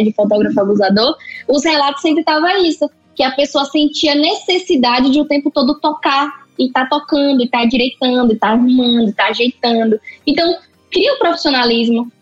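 A woman with a Brazilian Portuguese accent, a photographer chatting casually as a podcast guest, talkative and animated with lots of fillers. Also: high voice, muffled recording.

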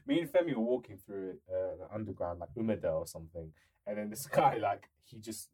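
A man's voice: lowish voice, expressive, fairly quick, mellow. A young man, recalling trips in an easygoing podcast chat, often laughing through his stories. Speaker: podcast co-host. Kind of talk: casual chat.

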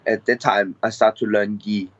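A man's voice: on the low side, flat delivery, dry recording. Hesitant young man with a Hong Kong accent. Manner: halting, hesitant non-native English with many fillers. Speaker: MMA fighter guest. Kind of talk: casual interview. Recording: dull, dry lo-fi sound.

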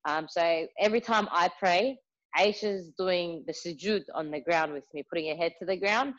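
A woman's voice: fairly low pitch, normal speed, a bit bright. A young woman, a mother, telling chatty stories with plenty of fillers in casual conversation. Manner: chatty storyteller, many fillers. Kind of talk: casual chat. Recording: slightly muffled lo-fi audio.

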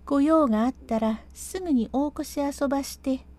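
A woman's voice: sits high, normal speed, pitched above the performer's own voice, lightly acted. A woman voicing an eager young maidservant who coaxes a guest and answers her mistress with dutiful politeness. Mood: coaxing. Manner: bright coaxing servant's politeness.

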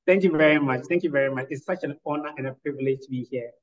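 In a lo-fi recording, the mid-range voice of a Ghanaian lawyer-entrepreneur fields interview questions. His answers are articulate, analytical and measured, dotted with fillers.

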